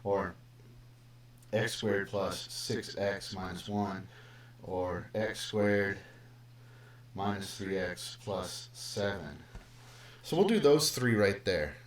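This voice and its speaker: A man's voice: lowish voice, slow, pauses often. A middle-aged man, a math teacher, talking casually and playfully through a live-streamed lesson in a classroom, with lots of fillers and asides. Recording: roomy live stream with faint noise.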